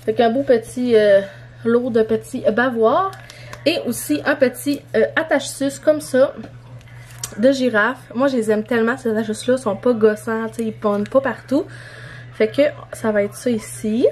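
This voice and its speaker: A woman's voice: fairly high pitch, normal speed, darkish tone. A young woman with a Québécois French accent chatting casually in a vlog, rambling with lots of fillers as she shows things she bought. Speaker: vlogger. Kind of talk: casual vlog showing purchases.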